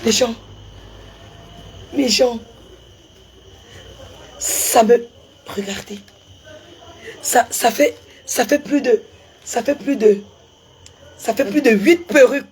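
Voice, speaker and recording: Effusive woman, slow talker. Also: on the high side, a little mellow, a little hiss or hum. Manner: effusive, repetitive, laughing exclamations. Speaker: social media personality. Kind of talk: excited unboxing vlog.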